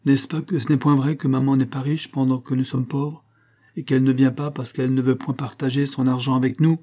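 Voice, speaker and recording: A young boy, earnest and lonely, speaks with eager childish pleading, voiced by a man. The voice sits high and bright for him, lifted well above a grown man's register. It is a storybook read aloud, the child's lines set off from the narration. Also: a little fast, lightly acted. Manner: raised childlike pitch, pleading and lively.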